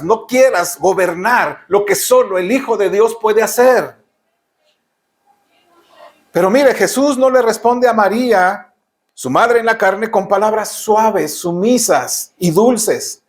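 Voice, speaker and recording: High-voiced Mexican preacher, emphatic. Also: male voice, takes it slowly. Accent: Mexican Spanish. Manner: emphatic preaching, frequent rhetorical questions to the congregation. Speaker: pastor. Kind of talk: sermon.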